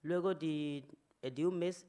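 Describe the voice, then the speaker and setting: A woman who is not a native Spanish speaker, speaking halting learner's Spanish with many fillers and an emotional, pleading tone as she gives a personal testimony. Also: sits low, mellow.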